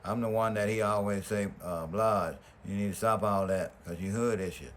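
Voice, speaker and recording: A man's voice: fairly low pitch, steady tone, normal speed, fairly bright tone, slight background noise. A middle-aged man from Louisiana, chatting on a phone call in a laid-back way and repeating words as he starts his thoughts. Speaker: brother of the deceased. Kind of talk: casual phone conversation.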